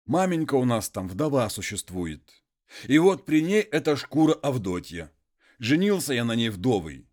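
A man doing a high, pleading peasant. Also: big pitch swings, a little mellow, lightly acted. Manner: folksy, drawn-out pleading speech.

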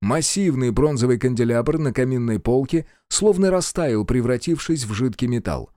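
A man narrating a fantasy audiobook in the first person with a dramatic, expressive reading. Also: medium pitch, moderate pace, no echo, studio quality.

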